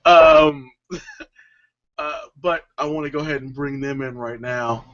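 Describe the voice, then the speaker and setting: Speaking slowly, a podcast host with a medium-pitched, fairly bright voice and fairly even intonation tells stories in a relaxed, rambling manner full of fillers. It's casual podcast chat recorded in dull lo-fi sound.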